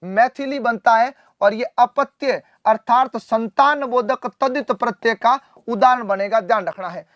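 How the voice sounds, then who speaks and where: A man teaching Hindi in a live online exam-prep class, repeating answers and quizzing students back, often clearing his throat. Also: very high-pitched, a bit bright, no room sound, lo-fi sound. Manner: addresses students fondly as "beta".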